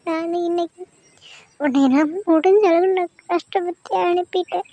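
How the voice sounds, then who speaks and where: A woman's voice: very high-pitched, steady tone, normal speed, mellow. A woman voicing Madhu, a grieving young wife who cries and pleads with her husband. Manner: pleading, distraught. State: crying. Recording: dull lo-fi sound.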